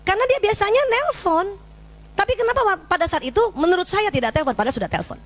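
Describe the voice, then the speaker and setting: A middle-aged woman, giving a parenting talk to an audience of mothers in a lively, animated way, acting out dialogue. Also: fast. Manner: lively, animated, acts out dialogue with sudden pitch jumps. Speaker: parenting speaker.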